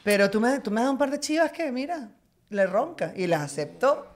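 Una mujer que copresenta un podcast en charla casual, con tono burlón y chispa. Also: female voice, on the high side, fairly quick. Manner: teasing, animated. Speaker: podcast co-host. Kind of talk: casual chat.

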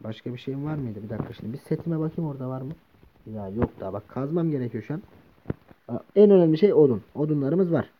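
A man's voice: medium pitch, fast, lo-fi sound, a little hiss or hum. A man giving casual let's play commentary, swearing and talking back to the monsters attacking him and chatting to his viewers. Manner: talks to the game mobs and to viewers as "gençler". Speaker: gaming video host.

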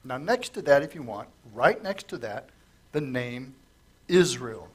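A husky, sing-song, medium-pitched voice comes unhurried from a middle-aged pastor at a church lectern microphone. He teaches the Bible verse by verse in a conversational sermon, asking the congregation questions. All the while he's coughing and losing his voice.

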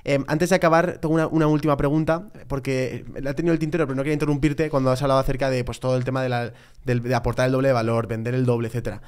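Fast-talking Spanish podcast host. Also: male voice, medium pitch, fairly even intonation, smooth. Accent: Spain Spanish. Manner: informal, quick follow-up questions. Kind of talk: casual interview.

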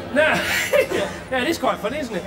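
Male game show host, high lively voice, pushy and excitable, loud studio crowd and music behind. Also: slow pace, noisy background. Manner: excitable, bossy, often shouting. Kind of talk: live studio entertainment hosting. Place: TV studio with audience.

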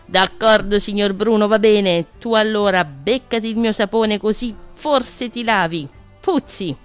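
A woman voicing a cranky grey male rabbit in a children's storybook reading, with a squeaky scolding voice. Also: measured pace, smooth, faint music behind, natural voice.

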